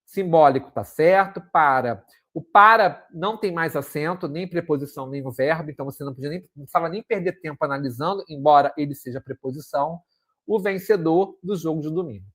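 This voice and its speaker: A man's voice: a little high, a little fast, a bit bright. A Brazilian man teaching a Portuguese exam-prep lesson, explaining answers step by step and asking the students rhetorical questions. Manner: didactic, checks in with frequent "ok?" and rhetorical questions.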